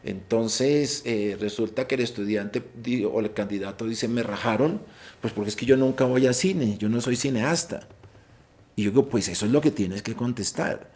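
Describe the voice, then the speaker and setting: Students in an online session hear a man with a Colombian Spanish accent giving advice on an English exam. His voice is medium-pitched and darkish, at a normal speed. He explains the rules, repeats key points, restarts and repeats words, and leans on his central advice.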